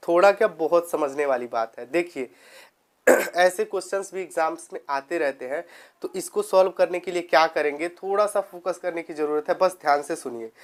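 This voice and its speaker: Man, exam-prep teacher, rhetorical questions, slow deliberate example readings. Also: sits high. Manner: poses rhetorical questions, then answers them himself; reads example sentences slowly and deliberately. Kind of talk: exam-prep grammar lesson.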